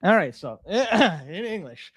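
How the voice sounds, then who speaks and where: A man's voice: high voice, very animated, slow pace, breathy edge, no echo, studio quality. A man from Toronto co-hosting a podcast, chatting casually in an exasperated, swearing way. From Toronto, Canada. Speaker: podcast co-host.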